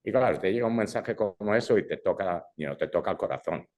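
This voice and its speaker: Low-pitched, animated, and quick, his voice carries a darkish tone. This young adult filmmaker, from Brazil but raised in Madrid, appears as an interview guest, speaking casually, frequently using English fillers, and starting his sentences over.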